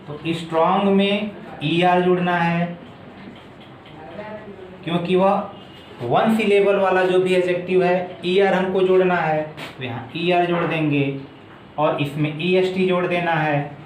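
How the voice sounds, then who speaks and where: A man walks through grammar rules slowly, repeating each word form as he goes. His voice sits high for a man. The room is echoey, with a faint hiss of background noise. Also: fairly even intonation. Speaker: English teacher. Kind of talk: explaining grammar in a video lesson.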